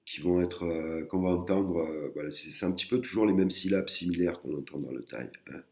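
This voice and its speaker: Male language teacher, very deep and gravelly, casual and halting, full of fillers. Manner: hesitant, many fillers and restarts; sounds out syllables slowly. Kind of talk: casual spoken lesson.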